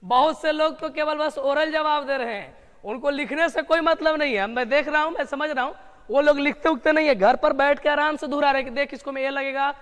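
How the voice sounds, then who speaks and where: A man teaching English grammar in a live online class, energetic and full of praise for his students. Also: very high voice, fairly quick, long reverb tail.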